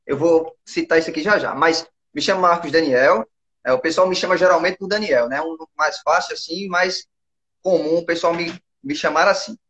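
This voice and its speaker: Brief: Brazilian guy, early 20s, raised pitch, earnest interview guest who keeps checking in with the listener. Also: normal speed, a bit bright. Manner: earnest and explanatory, often asks for agreement. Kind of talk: conversational interview.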